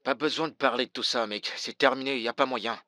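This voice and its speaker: Male actor for a contemptuous betrayed husband in a dubbed drama; sharp, dry, blunt. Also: mid-range voice, fairly even intonation, brisk, dry recording, natural voice. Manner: harsh, insulting, blunt. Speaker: angry husband.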